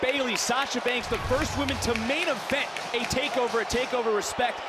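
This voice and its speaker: High-pitched male wrestling commentator in loud noise. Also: brisk, a loud crowd. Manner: excitable, punchy play-by-play calling. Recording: noisy live arena broadcast.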